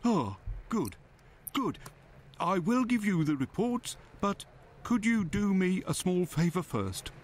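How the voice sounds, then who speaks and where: A man's voice: sits high, very animated, slow, exaggerated voice. A man playing a dutiful, slightly naive male police constable in a video game, polite and hesitant.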